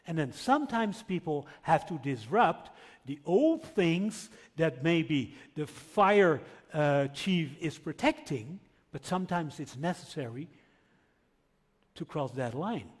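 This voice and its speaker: A man's voice: on the high side, big pitch swings, slow, breathy edge. A man speaking at a conference, answering a question emphatically in short, separated phrases. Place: large indoor event hall. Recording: echoey hall with long reverb.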